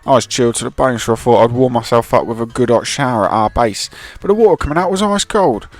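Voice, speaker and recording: A man voicing a cheerful, rough-spoken older man in a put-on London-style accent, clipping his word endings, over faint game music. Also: mid-range voice, quick pace, lightly acted. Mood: chatty. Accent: put-on London-ish clipped accent. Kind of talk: reading game dialogue aloud.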